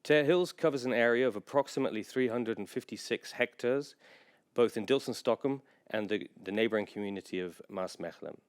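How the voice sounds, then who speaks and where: A man giving a measured, informative conference presentation as a general manager, pausing often on fillers. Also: mid-range voice, clean tone. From England.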